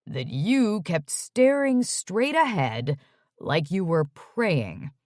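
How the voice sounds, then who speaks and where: A woman voicing a playful young man who teases his friend in a sing-song, drawn-out way. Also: lowish voice, very animated, darkish tone, no echo, clean studio sound. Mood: teasing.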